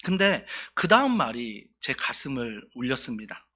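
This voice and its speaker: A man's voice: medium pitch, big pitch swings, moderate pace, sharp tone. A male pastor preaching a sermon, telling a story earnestly and with feeling.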